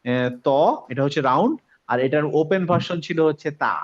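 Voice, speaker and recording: A man teaching a pronunciation class over a video call, patiently repeating sounds slowly to demonstrate. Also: on the high side, lo-fi sound. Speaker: Quran recitation teacher.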